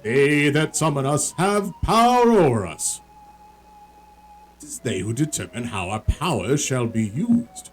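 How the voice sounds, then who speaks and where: An ancient dragon of a fantasy game, voiced by a man, speaks in a solemn dragon voice. The delivery is slow and grand, with archaic phrasing and wide swings in pitch. Faint music plays behind. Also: animated. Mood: grave, stately. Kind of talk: reading video game dialogue in character.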